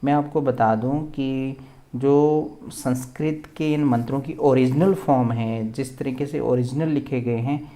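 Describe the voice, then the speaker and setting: A man teaching a recitation lesson, explaining patiently and then chanting syllables slowly and drawn out, often checking that the listener follows. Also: medium pitch, mellow. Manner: keeps asking for agreement.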